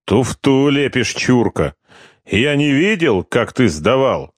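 A drunk, foul-mouthed young corporal barks threats and curses in a pitched-up voice, as a male reader puts him on. He swaggers and bullies. The sound is dry and close. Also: sing-song, slow, no room sound. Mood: drunken bullying. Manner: shouting, swearing, threatening.

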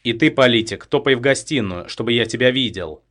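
A man's voice: medium pitch, lively intonation, a little fast, a bit bright, close to an everyday voice. A man voicing a mocking, threatening male killer who was a boxer. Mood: mocking, menacing.

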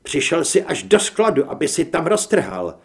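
Tough monster hunter, read by a man, curt, dry-witted, calm under threat, audiobook. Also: fairly high pitch. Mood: defiant.

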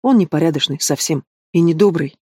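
A man's voice: fairly high pitch, animated, brisk, mellow, breathy edge, no echo, clean studio sound. A man doing a bitter sarcastic young woman.

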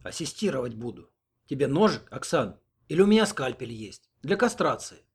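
A man's voice: mid-range voice, very animated, moderate pace, husky, exaggerated voice. A man voicing a plain-spoken old village woman with a wry, matter-of-fact manner.

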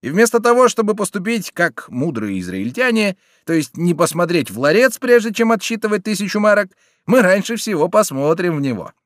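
A man's voice: high voice, very animated, brisk, no room sound, clean studio sound, pitched above the performer's own voice. A man voicing a sly, mocking bandit. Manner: mocking, persuasive. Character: sly mocking male bandit, smooth-talking.

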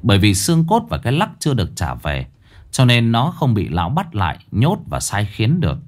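A man narrating a ghost story in a dramatic, expressive way. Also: fairly low pitch, fairly quick. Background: faint background music.

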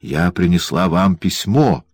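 A man's voice: low-pitched, animated, takes it slowly, a little mellow, slightly rough, no echo, heavily acted. A man voicing a meek, frightened wife who pleads timidly in an audiobook. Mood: pleading. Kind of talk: audiobook character voice.

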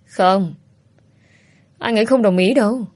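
A woman's voice: medium pitch, a little slow, darkish tone, no room sound, close to an everyday voice. A woman voicing a blunt, teasing young woman. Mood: pleading.

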